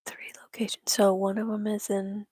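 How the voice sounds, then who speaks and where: A woman's voice: mid-range voice, flat delivery, moderate pace, mellow, husky, dry recording. A woman whispering through a casual Q&A chat, rambling and giggling at herself. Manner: rambling, giggly, self-mocking. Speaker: channel host answering viewer questions.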